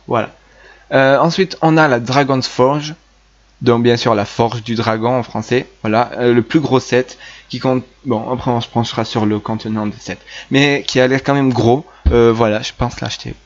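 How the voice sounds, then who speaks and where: Guy rambling through toy news, lots of ums and restarts, kinda muffled lo-fi mic. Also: mid-range voice. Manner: hesitant, many filler sounds and restarts. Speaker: YouTuber presenting toy news. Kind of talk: casual unscripted video chat.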